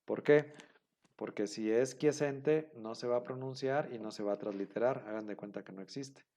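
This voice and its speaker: A man's voice: mid-range voice, moderate pace, dark tone. A man teaching a class, patiently repeating the rules with many fillers. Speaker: Hebrew teacher. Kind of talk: online class explanation.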